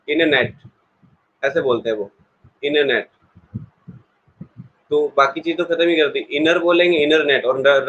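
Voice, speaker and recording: A man's voice: fairly high pitch, fairly bright tone, dull audio. A man teaching an online exam-prep English class in a chatty way, explaining with everyday examples and talking straight to his students.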